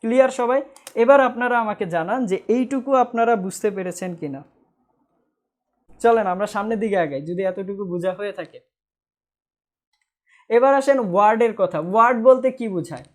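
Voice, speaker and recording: A woman teaching an English grammar lecture who asks questions and answers them herself, repeating key points slowly. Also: fairly high pitch. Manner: firm with viewers about pointless comments.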